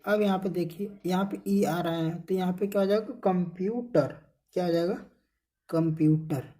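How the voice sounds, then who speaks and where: A woman's voice: on the low side, fairly even intonation, warm tone. A woman with a Hindi accent teaching an English phonics lesson, asking questions and answering them herself as she drills each word. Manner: repeats questions and answers, drills words slowly.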